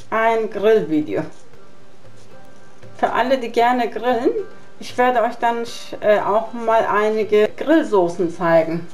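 A woman in her thirties with a Turkish accent, chatting through a home cooking vlog and explaining each step as she goes. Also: fairly high pitch. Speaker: cooking channel host. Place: home kitchen and garden barbecue.

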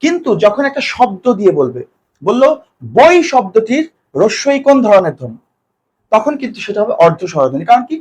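This man's voice sits high and sounds sing-song, slightly mellow, and husky as he teaches grammar for exam prep. He goes step by step, questions himself and answers, and slowly draws out sample words.

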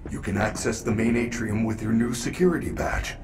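A man voicing a gentle caring robot bear. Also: lowish voice, a little fast, over music, lightly acted. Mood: calm. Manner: calm, polite, formal robotic speech. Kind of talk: video game voice acting.

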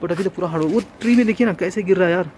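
A man vlogging from a hotel balcony in the snowy mountains, excited and chatty, slipping English phrases into his talk and coughing now and then. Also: high voice, very fast, slight background noise. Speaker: travel vlogger. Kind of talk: casual vlog narration.

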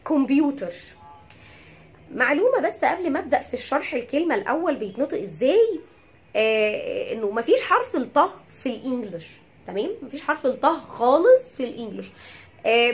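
A woman's voice: sits high, lo-fi sound. A woman with an Egyptian Arabic accent teaching English pronunciation, drilling each word by repeating it and checking in with her listeners. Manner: checks in with "tamam?". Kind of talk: pronunciation lesson.

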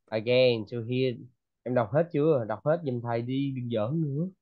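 A man's voice: medium pitch, normal speed, dry recording, narrow, tinny audio. A man with a Vietnamese accent tutoring a student in English pronunciation, patiently repeating words. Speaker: English teacher.

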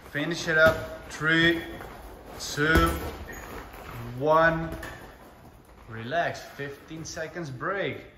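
A man working as a kickboxing coach, giving short, commanding, encouraging cues and countdowns to a class. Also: on the high side. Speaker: kickboxing coach leading a heavy bag class. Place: indoor kickboxing gym with mats and mirrors. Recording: echoey gym with clear background noise, clicks.

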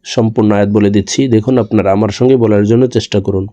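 A man teaching Quran reading, spelling out each letter slowly and then chanting the verses long and drawn out. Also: on the low side, fairly even intonation, warm tone, lo-fi sound. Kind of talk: recitation lesson.

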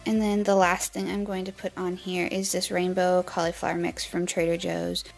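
Gravelly-voiced woman walking through a recipe. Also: on the low side, normal speed, soft background music, poor audio. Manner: relaxed step-by-step explaining. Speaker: cooking vlogger. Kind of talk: casual cooking voice-over. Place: home kitchen.

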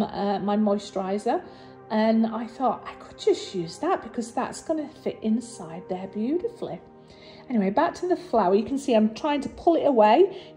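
Recovering from recent surgery, a resin artist who hosts her own channel sounds low on energy as she gives a relaxed voice-over for a craft video. Her voice sits on the high side, slightly husky and mellow, and her delivery is chatty, warm, encouraging, and full of fillers and restarts.

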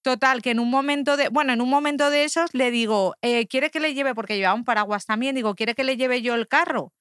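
A young woman, telling an animated story as a guest on a podcast and laughing often. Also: sits high, fast talker, clear, resonant tone, no room sound, studio quality. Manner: animated, laughing, quotes people in voices, says "tía" a lot. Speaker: guest contributor. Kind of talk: casual podcast chat, storytelling.

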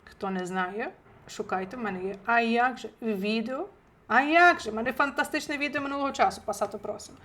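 A woman teaching an online language lesson from home, chatty and lively, talking straight to her viewers, a little under the weather. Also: on the high side, fairly quick. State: recovering from illness, clears throat. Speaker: Italian teacher. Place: home, indoors.

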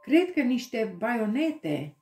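A woman's voice: fairly high pitch, very animated, a little mellow, reverberant, faint music behind. A woman voicing a brave young boy calling down from a tree in an audiobook. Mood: eager.

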